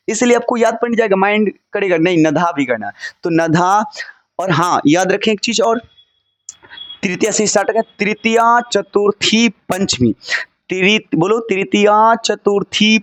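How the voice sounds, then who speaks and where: A man's voice: high voice, dry recording. A male teacher giving a recorded lesson, drilling word forms with his students and repeating them over and over.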